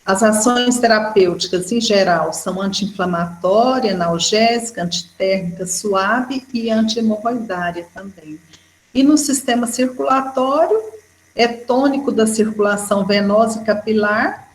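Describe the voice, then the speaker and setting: A woman with a Brazilian Portuguese accent giving an educational lecture, explaining steadily and often checking in with a quick "né". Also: mid-range voice. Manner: explanatory, with frequent "né" fillers. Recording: echoey room.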